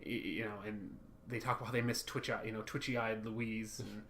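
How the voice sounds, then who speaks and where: A man's voice: on the low side, normal speed, slight background noise. A man co-hosting a podcast, chatting casually and at length about a cartoon episode, acting out lines from it. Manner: rambling, animated, acts out quotes. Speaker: podcast co-host.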